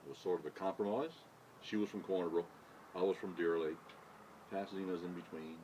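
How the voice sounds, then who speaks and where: Very deep man, distant. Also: steady tone, a little fast, a little mellow. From Newfoundland. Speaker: council candidate. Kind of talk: interview answer. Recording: distant, dull, slightly noisy.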